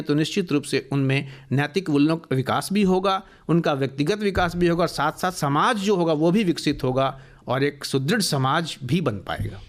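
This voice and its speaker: A man being interviewed in a radio studio, speaking earnestly about education and listing ideas at length. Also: on the high side. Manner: earnest, explanatory, builds long lists of values.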